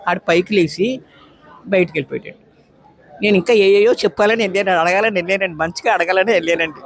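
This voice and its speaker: A woman's voice: medium pitch, quick pace. A woman in her nineties, an elderly petitioner, giving a long, pleading account of her grievances in an interview. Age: 90s. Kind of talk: emotional interview testimony.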